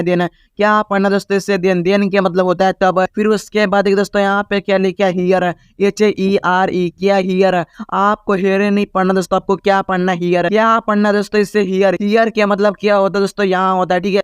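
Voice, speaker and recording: A man's voice: sits high, clear, resonant tone, no room sound, clean studio sound. A man teaching English reading as a lesson, spelling each word letter by letter and asking the same questions again and again. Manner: repetitive call-and-response questioning. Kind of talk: classroom-style spelling lesson.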